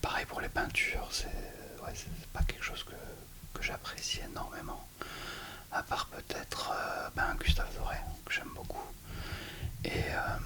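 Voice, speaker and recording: A person whispering a book presentation for ASMR, speaking in a hesitant, self-deprecating way into a close mic. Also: measured pace. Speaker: ASMR video creator.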